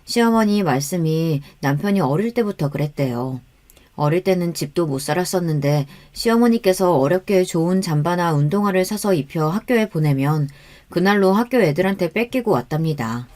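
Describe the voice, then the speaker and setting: A woman's voice: fairly low pitch, lively intonation, normal speed, darkish tone. Woman narrating a first-person story.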